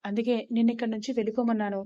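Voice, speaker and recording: A woman's voice: fairly high pitch, level tone, very fast, mellow, dry recording, natural voice. A woman voicing a blunt, guarded young male rowdy in a storybook reading, on a slightly dull recording. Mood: firm.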